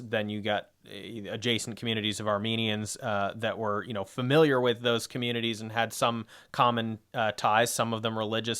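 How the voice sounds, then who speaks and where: A man's voice: fairly low pitch, a bit bright, clean tone. A man co-hosting a history podcast, talking through ideas in a rambling, casual way with many fillers and restarts. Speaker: podcast co-host.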